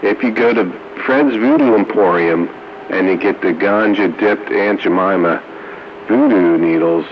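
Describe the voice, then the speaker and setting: An amateur two-way radio operator with a deep voice trades casual banter at an unhurried pace. The audio has a two-way radio transmission effect and sounds muffled and noisy.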